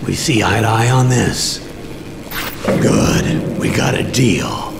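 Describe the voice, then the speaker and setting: An actor playing a tough, curt, menacing boss in a video game. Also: male voice, on the low side, big pitch swings, takes it slowly, gravelly, noisy background, heavily acted. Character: tough, threatening male boss handing out jobs. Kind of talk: video game character dialogue. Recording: roomy echo under loud music.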